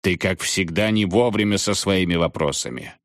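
A man voicing a gruff one-eyed ghost captain. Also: low voice, moderate pace, a bit bright, no echo, clean studio sound. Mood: gruff, exasperated. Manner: gruff and exasperated.

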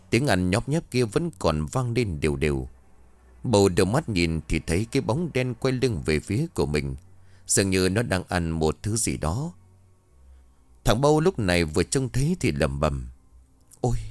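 A man narrating a ghost story dramatically, slowing for suspense. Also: sits low, darkish tone, no echo.

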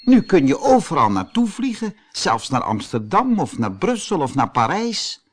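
A man voicing a sensible, practical older wife in a storybook, speaking calmly in a raised voice. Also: fairly high pitch, normal speed, background noise, voice pushed up.

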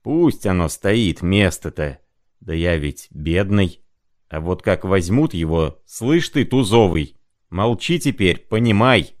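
A feverish old clerk rambles in broken, muddled phrases, pleading and confused, as a man reading a story puts him on. His voice sits low and slow. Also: lively intonation.

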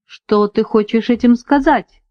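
A woman's voice: fairly high pitch, a little slow, muffled recording, natural voice. A woman reading the lines of a worried young male narrator who keeps pressing his friend with questions. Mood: anxious.

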